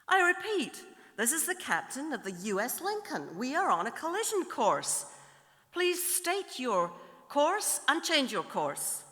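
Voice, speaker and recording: A woman's voice: sits high, wildly swooping pitch, measured pace, pushed and bright, voice pushed up, heavily acted. A woman voicing a stern, commanding male navy captain with an American accent, giving clipped orders in an echoing hall. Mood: insistent. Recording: long hall reverb.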